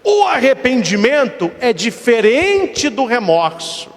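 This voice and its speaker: Man, priest, sermon, high animated voice, rhetorical questions, long echoing hall. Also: takes it slowly. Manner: storytelling with acted dialogue and rhetorical questions.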